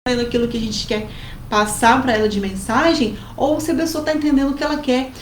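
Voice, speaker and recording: A woman with a Brazilian accent, co-hosting a casual advice chat and telling family stories in a lively way. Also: fairly high pitch, a little fast. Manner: lively storytelling with acted quotes. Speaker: co-host giving family advice. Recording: roomy with faint background noise.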